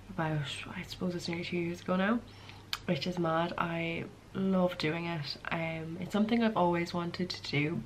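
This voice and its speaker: This early-twenties woman with a west of Ireland accent chats casually to camera, answering questions in a Q and A vlog as a content creator. Her pitch is fairly low, and the low-quality recording carries a little hiss or hum.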